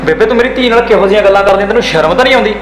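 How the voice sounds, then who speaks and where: A young man with a Punjabi accent, acting a grieving widower and father who talks quickly and earnestly. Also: a little high, steady tone, lightly acted. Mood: angry. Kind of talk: village drama acting. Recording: echoey room with loud background music.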